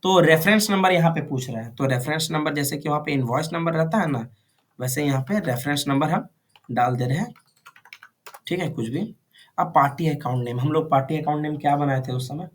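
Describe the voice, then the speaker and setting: A man's voice: a little high, fairly quick. A man teaching a classroom lesson, constantly checking whether students follow. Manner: checks understanding with frequent questions. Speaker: computer course teacher. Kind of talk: live classroom instruction.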